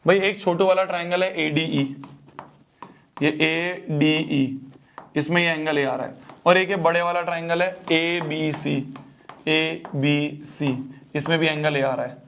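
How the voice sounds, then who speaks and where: Young guy teacher, bit high voice, keeps repeating stuff and asking if it's clear. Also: fairly even intonation, a little slow, fairly bright tone, a little hiss or hum. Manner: repeats phrases, checks if students follow. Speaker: math teacher. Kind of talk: exam-prep math lesson.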